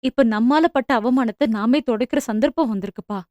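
A woman voicing a gentle but firm young daughter who speaks softly and earnestly to her father. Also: mid-range voice, fairly even intonation, fairly quick, dry recording, muffled recording, natural voice. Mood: pleading.

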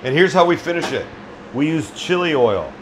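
The audio is poor, with a little hiss or hum, but the voice comes through fairly high, a bit bright, and lively in intonation at a normal speed. It's a middle-aged chef and show host running a casual cooking demo in a small restaurant kitchen, joking bluntly and cursing freely.

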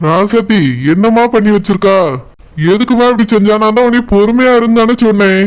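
Man playing a reproachful village brother in a cartoon. High and smooth, Tirunelveli accent. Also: steady tone, a little fast, lightly acted, rough recording. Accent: Tirunelveli Tamil. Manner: reproachful, lecturing.

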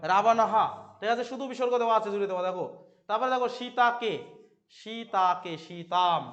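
Man, Bengali accent, very high pitch, classroom teacher, repeats key words. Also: sharp tone. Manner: asks questions and answers them himself, repeats key words. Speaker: Sanskrit teacher. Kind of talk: classroom lesson explaining translation.

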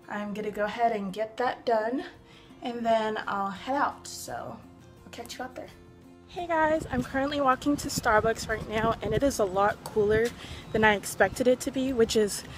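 A woman's voice: fairly high pitch, normal speed, faint music behind. A young woman talking casually to the camera in a vlog, chatty and rambling with fillers. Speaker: vlogger.

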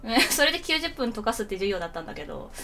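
A woman in her twenties, a streamer telling a story in casual chat, animated and often laughing. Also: on the high side, very fast, soft background music.

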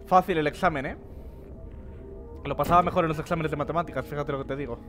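Sarcastic, foul-mouthed streamer. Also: male voice, on the high side, steady tone, quick pace, over music. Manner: joking, sarcastic, swears freely, narrates and mocks on-screen characters. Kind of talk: casual gameplay commentary.

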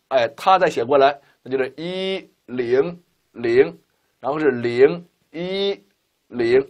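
Man teaching math with constant rhetorical questions. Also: on the high side. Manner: keeps asking rhetorical questions, talks students through steps. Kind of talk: chalkboard-style linear algebra lecture.

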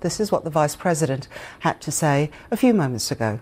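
Woman, very low voice, television news anchor, composed formal reading, studio recording. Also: big pitch swings, a little fast, a little mellow. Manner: crisp, composed, formal delivery.

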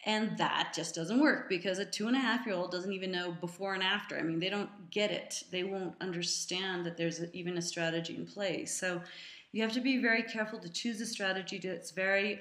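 A woman's voice: on the low side, brisk, fairly bright tone, roomy sound. A middle-aged woman giving an educational talk to an audience, conversational with many fillers and asides. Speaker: lecturer.

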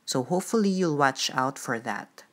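A woman's voice: very deep voice, lively intonation, moderate pace. A woman hosting a gardening vlog, narrating outdoors on a farm lot in a friendly, explanatory way. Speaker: gardening vlogger.

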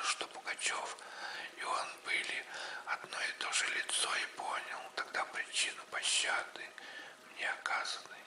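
A man's voice: pushed and bright, echoey room. A man reading an audiobook as whispered ASMR narration, speaking very close, right in your ear. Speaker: audiobook reader.

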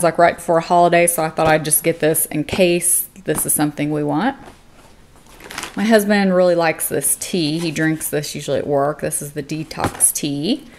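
Chatty woman, low-pitched, relaxed. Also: slight background noise. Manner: relaxed, chatty, frequent ums. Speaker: vlogger showing a grocery haul. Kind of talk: casual chatty narration. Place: home kitchen counter.

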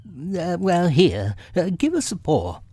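A performer voicing a brisk, stern, self-important male rabbit in a storybook, prim and matter-of-fact. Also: medium pitch, sing-song, warm tone, husky, pitched above the performer's own voice, full character voice. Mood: flustered.

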